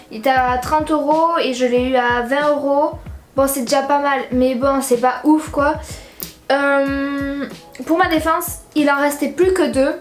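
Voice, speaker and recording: A teenage girl from southern France talks through her purchases in a loose, rambling way, slangy and full of fillers. Her voice sits high, and the room is echoey. Faint music plays behind her. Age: teens. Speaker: YouTuber. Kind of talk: casual haul vlog.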